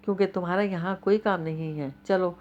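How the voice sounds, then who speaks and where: A woman's voice: lowish voice, fairly even intonation, darkish tone, dull audio, natural voice. Woman voicing Ramish, a teasing young man. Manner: playful teasing turning to earnest counsel. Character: teasing, earnest young man, a close friend.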